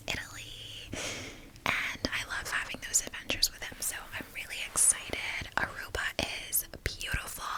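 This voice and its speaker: A young adult woman gives a casual ASMR ramble in a soft, breathy whisper, as a content creator talking to her viewers. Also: poor audio.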